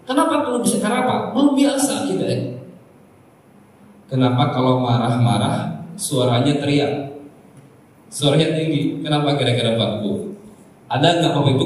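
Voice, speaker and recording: A man's voice: on the high side, slight background noise. A middle-aged man giving a sermon, asking the audience questions and explaining patiently. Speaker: Islamic preacher. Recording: echoey hall from far off.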